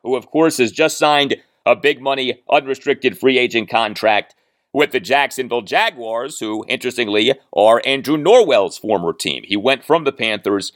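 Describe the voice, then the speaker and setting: A man's voice: medium pitch, moderate pace, fairly bright tone, dry recording, clean studio sound. A man hosting a solo sports podcast, giving emphatic analysis and repeating his key points. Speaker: podcast host.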